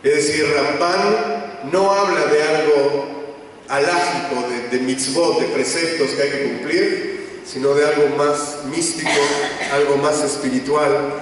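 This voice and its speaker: A man, a rabbi giving a measured, explanatory lecture in a large temple. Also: on the high side, fairly even intonation, slight background noise. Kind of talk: synagogue lecture. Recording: echoey hall from far off.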